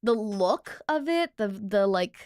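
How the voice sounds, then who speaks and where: A woman's voice: medium pitch, animated, takes it slowly, darkish tone. A woman hosting a podcast, telling stories in a casual chat with lots of fillers and laughter. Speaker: podcast host.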